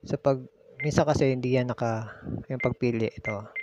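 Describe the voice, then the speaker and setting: A Filipino tutorial host walks through a casual step-by-step demonstration, repeating the key steps in an instructional way. His mid-range voice holds a steady tone at normal speed. The audio is muffled and lo-fi, with background noise.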